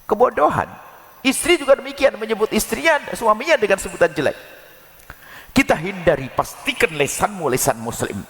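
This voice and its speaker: A man preaching a sermon, lively and expressive, sometimes acting out quoted couples. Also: normal speed. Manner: animated, jumps between high and low pitch for emphasis, acts out quoted couples. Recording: long hall reverb.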